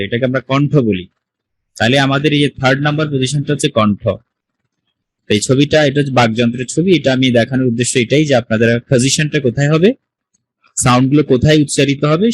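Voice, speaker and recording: A man's voice: medium pitch, fast, slightly rough, poor audio. A man teaching an online language class, explaining patiently step by step and putting questions to his students over a video call. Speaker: Sanskrit teacher. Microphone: computer mic on a video call.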